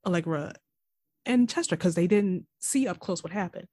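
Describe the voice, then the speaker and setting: Woman, husky, warm-toned voice, dry close sound, chatty fan recap full of scornful quotes. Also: on the low side, normal speed, dry recording. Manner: chatty, acts out characters' lines with scorn. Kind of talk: casual TV recap chat.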